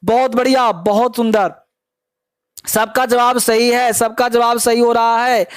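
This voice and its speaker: A man with a Bihari Hindi accent teaching English in a live online class. He encourages his students and repeats his prompts, urging them to answer quickly. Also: very high-pitched, flat delivery, clear, resonant tone, no echo, studio quality.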